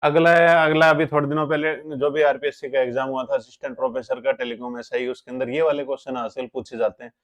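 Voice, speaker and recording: A man's voice: medium pitch, little pitch movement, quick pace, hardly any pauses. Man teaching exam current affairs, quizzing. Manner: explains step by step, keeps asking rhetorical questions and checking with "theek hai?".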